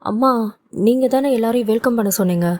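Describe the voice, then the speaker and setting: A woman's voice: fairly high pitch, a little fast, darkish tone, lightly acted. A woman voicing a young adult son who brushes off his troubles and coaxes his mother. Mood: casual. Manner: coaxing, brushing things off. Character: young adult man, cheerful son hiding his hurt.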